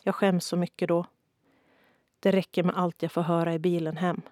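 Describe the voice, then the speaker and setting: A woman's voice: on the low side, level tone, dry recording, clean studio sound, close to an everyday voice. A woman voicing a shy, ashamed young boy. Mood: sad. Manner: quiet, whispering.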